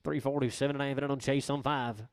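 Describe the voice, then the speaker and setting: A man calling bids at a livestock auction in a rapid, rhythmic number chant. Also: mid-range voice, level tone, clear, resonant tone, no room sound, clean studio sound.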